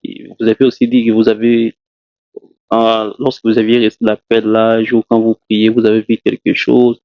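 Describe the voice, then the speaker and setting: Gravelly host asking formal questions. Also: male voice, on the low side, completely flat delivery, moderate pace, dry recording. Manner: frequent short affirmations, polite formal questions. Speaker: talk show host. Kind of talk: interviewing a guest. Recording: dull, lo-fi dry sound.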